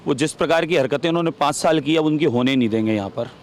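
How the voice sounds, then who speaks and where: A man's voice: a little high, quick pace. A man giving a heated interview as a legislator, combative, repeating rhetorical questions.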